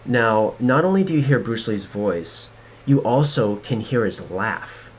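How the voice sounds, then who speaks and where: A man talks in a fairly low voice, hosting a casual podcast monologue. He rambles, restarts sentences and leans on fillers. A faint hiss sits under his voice. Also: expressive, a little slow. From United States. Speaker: podcast host.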